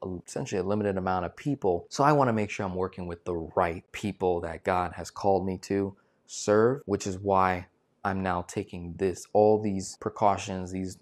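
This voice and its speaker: Animated young man pitching a coaching program. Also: normal speed. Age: 20s. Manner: animated, gesturing, many filler "right?" tags. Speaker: financial coach. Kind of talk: direct-to-camera sales pitch. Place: indoor studio with plain backdrop. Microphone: lapel mic.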